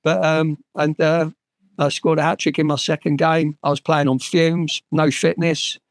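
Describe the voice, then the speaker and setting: A man's voice: fairly high pitch, level tone, a little slow, dry recording. An English man in his sixties, a former footballer, telling frank, sweary anecdotes with many fillers and restarts. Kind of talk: storytelling anecdotes in conversation.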